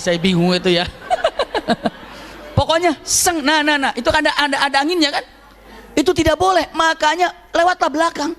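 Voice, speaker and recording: Male preacher, high voice, animated storytelling sermon. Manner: lively storytelling, acts out quoted voices, frequent laughter.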